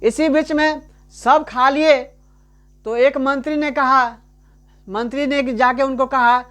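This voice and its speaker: High-voiced man teaching chattily. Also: steady tone, fairly bright tone. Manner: keeps asking "right?" and calling the listener "my friend"; repeats example sentences slowly for emphasis. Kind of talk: chatty online grammar lesson.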